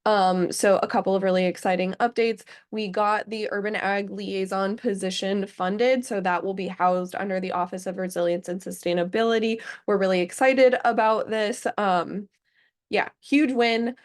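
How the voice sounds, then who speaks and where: A woman's voice: mid-range voice, fairly even intonation, normal speed. A woman, sounding sick, giving an earnest working group update at an online meeting with many fillers. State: sick, under the weather.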